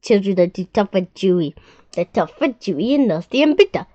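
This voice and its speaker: A woman voicing a smaller, sensible male crocodile who flatly refuses to eat children in a storybook reading. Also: medium pitch, fairly quick, no room sound. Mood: firm. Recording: muffled lo-fi recording.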